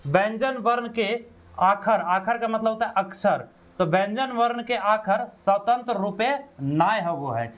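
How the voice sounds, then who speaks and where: A man's voice: high voice, lively intonation, measured pace. A man with a Khortha accent teaching a grammar lesson, explaining step by step, asking questions and answering them himself. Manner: explains step by step, asks and answers own questions, frequent "है ना" and "ठीक है". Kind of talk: exam-prep grammar lesson.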